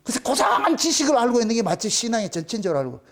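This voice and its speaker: A middle-aged man preaches from the pulpit in a fairly high voice. He drives each point home with insistent repetition, shifting between raised emphasis and quiet asides. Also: big pitch swings. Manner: emphatic, repeating phrases with rising insistence; briefly sings a slow hymn line. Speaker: pastor. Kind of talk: sermon.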